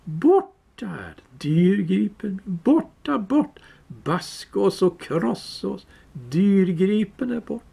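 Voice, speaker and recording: Gollum. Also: male voice, big pitch swings, vocal fry, mellow, breathy edge, full character voice. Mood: frantic wailing. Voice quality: hissing, shrill. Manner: wailing, whining, high-pitched. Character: wretched hissing cave creature, male, small, greedy.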